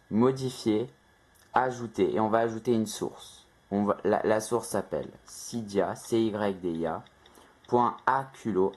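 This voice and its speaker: A man's voice: medium pitch, darkish tone. A man hosting a casual phone tutorial, rambling and correcting himself often with lots of fillers. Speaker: tech tutorial host. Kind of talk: casual screen-recorded tutorial.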